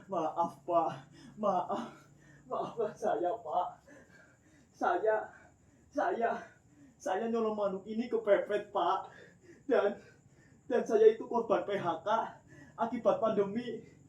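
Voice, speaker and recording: A man's voice: sits high, slow pace, long pauses, darkish tone, recorded from a distance, highs cut off. A man playing a whimpering thief begging for mercy. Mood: pleading. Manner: pleading, whimpering. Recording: roomy echo with faint music.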